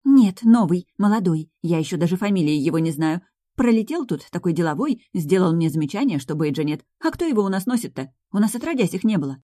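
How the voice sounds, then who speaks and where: A woman voicing a chatty, gossipy hospital nurse who confides in a lowered, lively way. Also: fairly quick, dry recording, clean studio sound. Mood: confiding.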